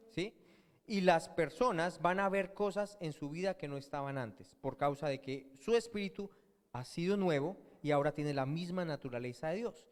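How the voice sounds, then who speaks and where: Pastor in an echoing hall. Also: male voice, fairly high pitch. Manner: asks the congregation questions and answers them himself. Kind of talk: sermon. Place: church hall. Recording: long church-hall reverb.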